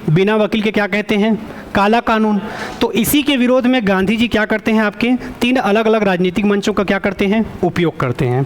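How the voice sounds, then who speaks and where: High-pitched man quizzing his class. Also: slight background noise. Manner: quizzing, keeps asking students for answers; often fills pauses with a checking "okay". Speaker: teacher. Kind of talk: online exam-prep lecture.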